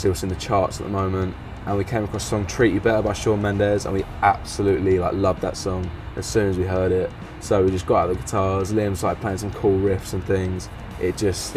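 A young man with a London accent, casually recounting his band's first days in a relaxed, rambling way full of fillers. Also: low-pitched, moderate pace, few pauses, distant mic, noisy background. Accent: London English. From England. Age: young adult. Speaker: band member. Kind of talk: casual recap interview. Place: outdoor garden seat in warm sun.

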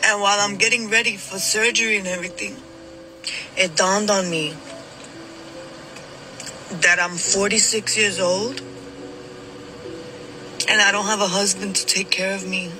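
A woman's voice: mid-range voice, steady tone, a little slow, long pauses, noisy background. A woman in her forties venting wearily in a personal vlog. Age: 40s. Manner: weary, venting. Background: music.

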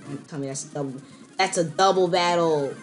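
A young woman commentating her own gameplay, ranting in exasperation and jumping up to squealing high notes. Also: a little fast, soft background music. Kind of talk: let's-play commentary.

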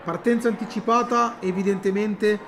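High male voice, strained, excitable live motorbike commentary, repeated phrases, engine noise behind. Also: normal speed, gravelly. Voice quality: strained, tired voice. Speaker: race commentator. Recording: loud engine and vehicle noise. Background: trackside motorcycle noise.

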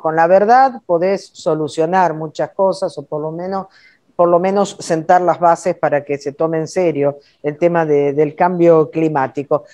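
Low, mellow-voiced Argentine woman host. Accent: Argentine Spanish. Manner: brief affirmations and probing questions. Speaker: interviewer, TV host. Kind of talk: interview questions. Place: studio set with brick wall.

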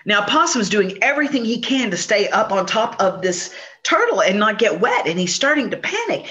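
A woman storyteller telling a traditional folk tale, animated and conversational. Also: medium pitch, moderate pace. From Chickasaw Nation. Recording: dull lo-fi recording.

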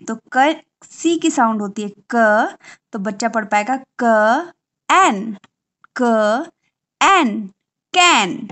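A young woman in a home tutorial, chatting as she explains and slowly sounding out letter sounds. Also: on the high side. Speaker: teacher and channel host.

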